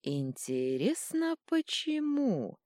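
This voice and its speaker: A woman's voice: medium pitch, huge pitch swings, slow pace, darkish tone, no room sound, clean studio sound, pitched above the performer's own voice. A woman voicing a mischievous, smug little god of chaos who teases and purrs his lines. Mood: teasing. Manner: teasing, smug, purring. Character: mischievous invisible male chaos godling.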